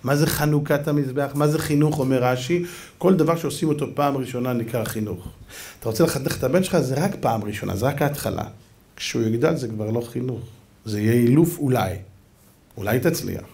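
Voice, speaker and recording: A man's voice: medium pitch, gravelly, darkish tone, slight background noise. A man rabbi giving a Torah lesson sermon, emphatic and full of rhetorical questions, sometimes raising his voice. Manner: acts out quoted voices.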